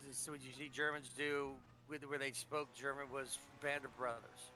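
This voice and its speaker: A man's voice: medium pitch, little pitch movement, sharp tone, a little hiss or hum, rough recording. A man in casual, profane gaming chat during a sim race, arguing his point. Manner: fast, profane, argumentative. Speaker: sim racing streamer.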